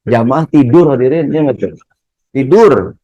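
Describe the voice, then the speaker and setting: A man's voice: medium pitch, brisk, lo-fi sound. A middle-aged man, giving a humorous Ramadan sermon in a mosque and keeping the audience involved with questions. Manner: lively, jokey, keeps asking the audience questions. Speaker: preacher.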